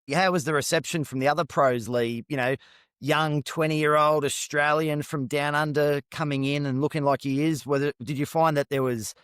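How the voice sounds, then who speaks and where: A man's voice: a little high, fairly even intonation, normal speed, fairly bright tone, clear, resonant tone, no room sound, clean studio sound. A man co-hosting a podcast who asks easygoing questions and searches for his words mid-sentence. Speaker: podcast co-host. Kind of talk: casual interview questions.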